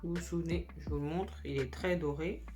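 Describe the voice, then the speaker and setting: A woman's voice: sits low, steady tone, fairly quick, warm tone, soft background music. Chatty woman vlogging her makeup. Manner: chatty, enthusiastic, addresses viewers directly. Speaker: beauty vlogger. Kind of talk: casual makeup tutorial chat.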